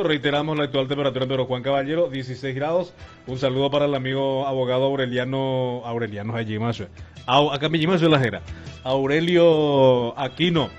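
A man announces the time and temperature and then greets listeners in a relaxed, chatty way. The sound is dull and lo-fi like radio, with faint music under his voice. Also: mid-range voice, a little fast.

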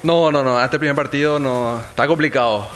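Brief: Paraguayan male guest, mid-pitched voice, quick and easygoing. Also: a bit bright. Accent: Paraguayan Spanish. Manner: short, easygoing answers. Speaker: visiting guest. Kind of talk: casual interview chat.

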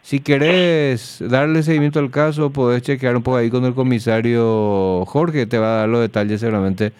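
A man hosting a radio interview, calm and measured, explaining at length. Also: medium pitch, a little hiss or hum. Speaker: radio host.

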